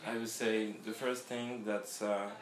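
A man who grew up in France, a guest in a casual interview, talking haltingly and searching for his words. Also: lowish voice, little pitch movement. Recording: roomy echo.

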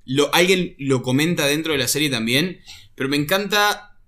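A man's voice: a little high, expressive, normal speed, a bit bright. A man with a Rioplatense Spanish accent, co-hosting a live stream in casual chat and switching freely into English. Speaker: stream co-host.

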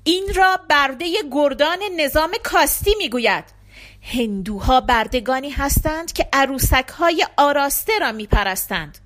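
A woman's voice: high-pitched, sing-song, few pauses, fairly bright tone, voice pushed up. Woman doing a stern angry male imam.

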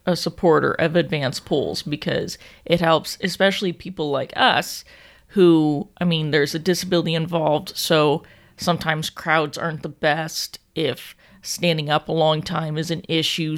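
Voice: mid-range voice, steady tone, unhurried. A podcast co-host, explaining things in casual chat with many restarts. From Canada.

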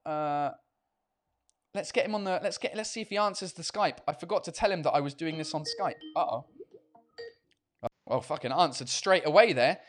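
A man's voice: on the high side, normal speed, pauses often. Swearing bilingual comedian host, man. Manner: mixes French and English, swears freely. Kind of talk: casual bilingual live chat.

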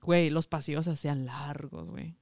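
A woman's voice: deep voice, steady tone, a little fast, creaky, a little mellow, no echo, clean studio sound. A woman co-hosting a podcast, chatting casually in that slides into English, slangy, swearing and laughing often. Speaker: podcast co-host. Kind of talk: casual podcast chat switching between Spanish and English.

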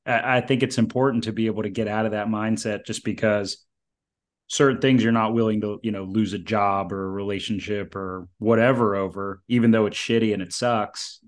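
Lowish-voiced blunt male podcast co-host. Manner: blunt, plain-spoken, casual swearing. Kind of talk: casual podcast chat.

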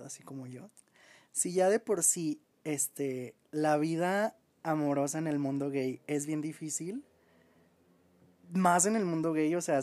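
A man's voice: fairly high pitch, a little mellow. A man with a Mexican accent co-hosting a podcast in casual, enthusiastic chat, with lots of fillers and easy laughter. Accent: Mexican Spanish. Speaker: podcast co-host.

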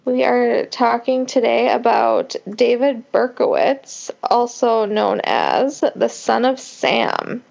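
A woman's voice: on the high side, big pitch swings, slow, vocal fry, hardly any pauses, darkish tone, muffled recording. A woman co-hosting a podcast in casual, upbeat chat. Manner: chatty and upbeat. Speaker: podcast co-host.

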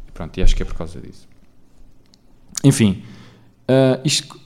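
Portuguese man, solo podcast host, lowish warm voice, casual rambling monologue. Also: expressive, normal speed. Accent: European Portuguese. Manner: rambling, full of fillers and tag questions.

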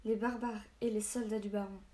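A woman's voice: medium pitch, level tone, brisk, dark tone, lightly acted. A woman voicing a defiant, earnest village boy in a storybook reading.

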